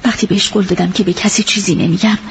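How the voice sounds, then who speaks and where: A woman's voice: medium pitch, steady tone, creaky, background noise, natural voice. An actress playing an earnest female witness who carefully recounts a night's events to a detective, in a radio drama dub. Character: earnest female witness, loyal to her friend. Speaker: witness giving a statement.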